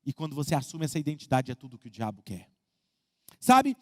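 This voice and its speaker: A male pastor preaching a sermon in a church, animated, acting out his congregants' voices and swinging between loud and hushed. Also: medium pitch, a little fast, big-room sound. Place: church auditorium.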